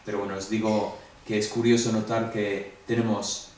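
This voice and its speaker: A man's voice: on the low side, flat delivery, moderate pace, darkish tone. A man with a Spanish accent giving a review lesson to a class, explaining step by step and asking the students questions. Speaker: Greek teacher. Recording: echoey room, distant mic, faint hum.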